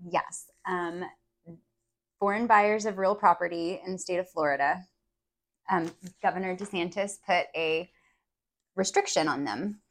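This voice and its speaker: A woman's voice: lowish voice, measured pace, long pauses. A woman co-hosting a podcast, talking in a chatty way with frequent ums. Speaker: podcast co-host. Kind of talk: casual podcast chat.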